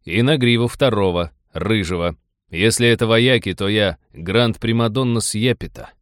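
A tired starship captain delivers dry, sarcastic remarks in a low voice, played by a man reading the story. He sounds worn out but sharp-tongued. The sound is close and dry. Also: normal speed, dry recording, lightly acted. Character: weary, sardonic male starship captain.

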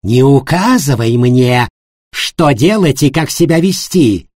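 Man doing raised angry worker voice, scornful, husky, dry, lively pitch. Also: slow pace, dry recording. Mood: furious. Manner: shouting, scornful, bitter. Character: angry resentful male hotel worker.

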